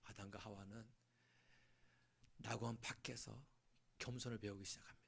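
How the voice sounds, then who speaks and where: A male pastor preaching a sermon, swinging from shouting to hushed asides and acting out scenes. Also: lowish voice, fairly even intonation, moderate pace, gravelly, slightly rough.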